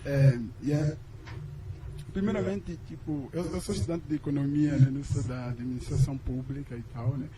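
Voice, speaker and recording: A man's voice: medium pitch, steady tone, normal speed, noisy background. A young man from Angola with an Angolan Portuguese accent, an exchange student casually asking a question at a lecture, tagging with "né" and slipping into English. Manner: casual, chatty, tags with "né" and switches into English.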